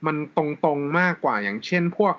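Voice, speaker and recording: A man's voice: a little high, animated, brisk, fairly bright tone, highs cut off. A man co-hosting a casual podcast chat, explaining things step by step and laughing often. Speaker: podcast co-host. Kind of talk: casual chat about law.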